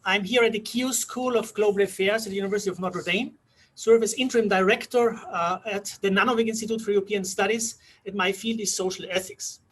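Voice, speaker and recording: Husky-voiced man moderating a panel. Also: high-pitched, fairly even intonation, fairly bright tone. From Austria. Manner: measured, reflective, slows for emphasis. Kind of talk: formal conference introduction.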